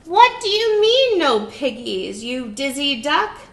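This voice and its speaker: A woman voicing a grouchy, hungry old female witch who screeches and shouts frantically. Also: high-pitched, sing-song, slow pace, heavily acted. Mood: indignant.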